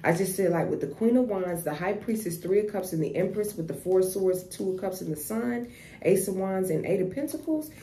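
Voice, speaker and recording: In a medium-pitched, warm voice, the tarot reader delivers a casual, blunt, profane reading. She keeps repeating herself and restarting, and faint noise sits in the echoey room.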